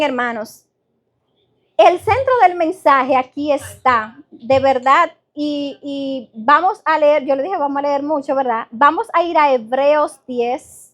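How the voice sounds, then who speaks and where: Woman pastor preaching, pretty high voice, earnest and straight to the point. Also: takes it slowly. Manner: earnest, direct, lively storytelling. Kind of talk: sermon.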